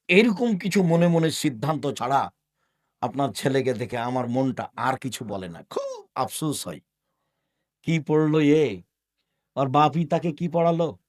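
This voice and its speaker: An older man from Bangladesh preaching a sermon, scolding his listeners with rhetorical questions that rise suddenly in force. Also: a little high. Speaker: Islamic preacher.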